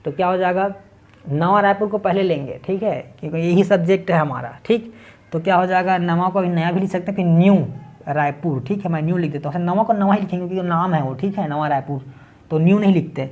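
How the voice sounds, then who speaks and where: In a quick, high-pitched voice with a darkish tone, a Chhattisgarh man gives a classroom English grammar lesson in Hindi with a local accent. He explains at the board one step at a time, frequently asking his students "ठीक है".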